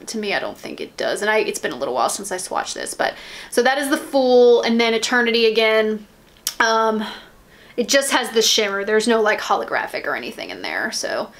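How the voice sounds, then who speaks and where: A woman's voice: fairly high pitch, fairly bright tone. An American woman chatting casually about nail polish, rambling, with lots of ums and restarts. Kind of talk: casual haul chat.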